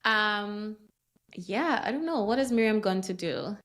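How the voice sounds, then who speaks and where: A woman's voice: mid-range voice, lively intonation, unhurried, a bit bright. A woman from Nigeria, a podcast guest chatting and telling her story with frequent ums and restarts. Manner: thoughtful, with many ums and restarts. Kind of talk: casual interview chat.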